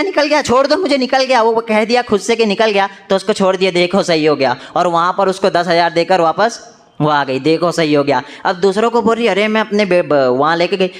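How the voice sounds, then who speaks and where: A man giving an Islamic talk, telling stories and acting out the voices of the people in them. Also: high-pitched. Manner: storytelling, acts out quoted voices. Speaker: religious speaker.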